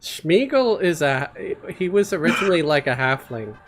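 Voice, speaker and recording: A man's voice: a little high, very animated, normal speed, faint music behind. Easygoing male game streamer. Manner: hesitant, many fillers, reads viewer messages aloud. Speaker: streamer playing an online role-playing game. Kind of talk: casual live-stream chat over voice chat.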